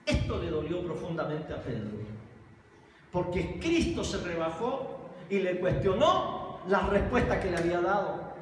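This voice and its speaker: A man's voice: high voice, lively intonation, unhurried. Male preacher, emphatic, heard from afar with faint noise. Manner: emphatic, addresses listeners directly. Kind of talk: sermon. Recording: echoey hall, distant mic, faint noise.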